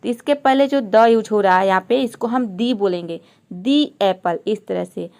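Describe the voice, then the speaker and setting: A woman's voice: medium pitch, normal speed, gravelly, darkish tone. A woman teaching English grammar step by step, patiently asking questions and answering them herself.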